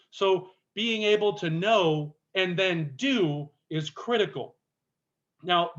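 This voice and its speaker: A man with a fairly high voice gives an earnest Bible class lecture, pausing to stress key words as he explains the text. The recording sounds dull and lo-fi, like a camp class session. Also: fairly bright tone.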